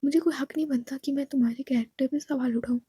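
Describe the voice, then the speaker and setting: A woman's voice: high-pitched, fairly even intonation, fast talker, warm tone, dry recording, studio quality, natural voice. A woman voicing a stern but remorseful young boss. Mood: apologetic.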